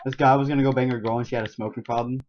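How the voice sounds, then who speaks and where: A man's voice: medium pitch, steady tone, very fast. A young man in casual chat with a friend, rambling through a story with restarts, laughter and the odd swear. His voice sits mid-range and the recording is dull and lo-fi. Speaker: channel co-host.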